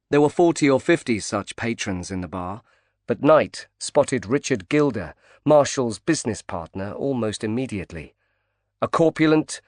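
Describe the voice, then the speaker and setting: A man's voice: on the low side, a little mellow, no room sound, studio quality. Man reading a thriller audiobook. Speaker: audiobook narrator. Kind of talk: scripted narration.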